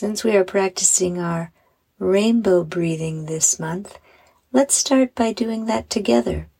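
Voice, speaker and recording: A woman guiding a bedtime meditation like a sleep story narrator, in a soft, soothing, hushed voice with breathy phrase endings. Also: medium pitch, measured pace. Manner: soothing, hushed, gentle delivery with breathy trailing phrase ends. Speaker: host and meditation guide.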